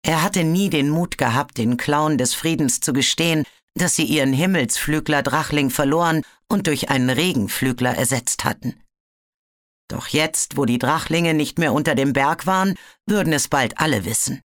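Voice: mid-range voice, normal speed, fairly bright tone, no room sound. Dry, close audiobook narrator. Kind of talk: scripted fantasy narration.

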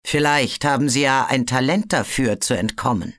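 Narrator voicing a dry, calm sea dragon. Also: medium pitch, no echo, natural voice. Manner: dry, measured. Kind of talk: audiobook character voice.

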